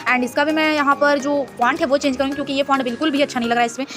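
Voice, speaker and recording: A woman's voice: high voice, steady tone, racing, music in the background. A woman hosting a screen-recorded design tutorial, chatty and instructive, mixing English words into her Hindi.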